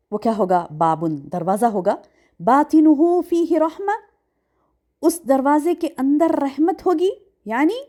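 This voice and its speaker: Animated woman teaching scripture. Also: a little high. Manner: recites Arabic verse then explains it, asks the class questions; animated, acts out quotes. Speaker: Quran teacher. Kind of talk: religious lecture.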